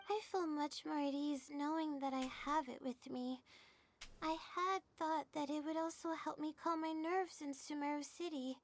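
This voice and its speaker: A woman's voice: sits high, gravelly. A woman voicing a shy, sleepy young female scholar in a video game, who talks hesitantly, rambles and often apologizes. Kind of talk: video game character dialogue.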